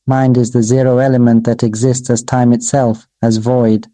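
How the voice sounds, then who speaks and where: Speaking to his own voice as "Mister Voice," this monk delivers a dharma talk in slow, repetitive, measured phrases that resemble an incantation. His tone is level, very dark and mellow, barely shifting in pitch, and the recording is close and dry with no echo.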